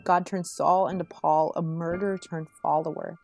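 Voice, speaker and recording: A woman performing spoken word slam poetry in an earnest, rhythmic, rhyming delivery with measured phrases. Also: fairly low pitch, steady tone, gravelly, a little mellow, faint music behind.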